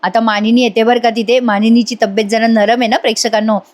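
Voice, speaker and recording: A woman's voice: a little high, quick pace. A woman reviewer chatting through a TV serial episode recap, talking straight to her viewers and laughing easily. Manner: animated, chatty, addresses viewers directly; laughs often while recapping.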